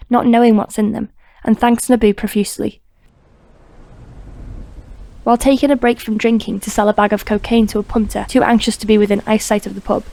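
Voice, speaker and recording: A woman narrating an audiobook crime drama in a steady, even reading voice. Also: a little high, vocal fry. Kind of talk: scripted narration.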